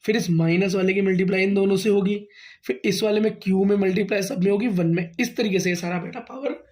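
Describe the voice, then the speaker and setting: A man's voice: high-pitched, steady tone, quick pace, a little mellow, reverberant. A man tutoring a student through maths steps at home, patiently checking that each step is understood. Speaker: maths teacher. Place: teaching at home.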